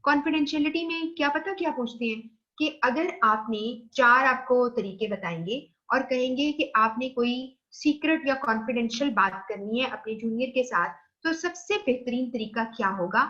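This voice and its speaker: A woman's voice: on the high side, lively intonation, moderate pace, few pauses, pushed and bright. Pakistani woman lecturer, dull recording. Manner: explains slide points, checks understanding with "theek hai"; mixes English terms into Urdu explanation.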